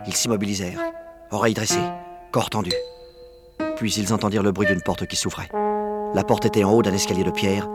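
A man narrating a children's story aloud in a clear, measured way. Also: lowish voice, animated, over loud music. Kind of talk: audiobook narration.

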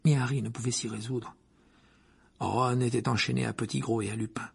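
A man reading a fantasy novel aloud as audiobook narrator, telling it dramatically with hushed passages. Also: mid-range voice, flat delivery, fairly quick. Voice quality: husky, gravelly. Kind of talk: scripted narration.

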